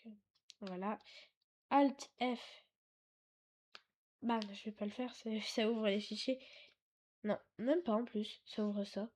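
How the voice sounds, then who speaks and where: A woman's voice: fairly high pitch, fairly even intonation, takes it slowly, pauses often, darkish tone. A woman hosting a casual computer tutorial, hesitant and apologetic, full of fillers and self-corrections, at her computer with a desktop mic she sometimes drifts away from. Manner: apologetic and chatty. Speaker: tech tutorial host. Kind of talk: casual screen-recorded tutorial. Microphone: desktop mic, sometimes too far away.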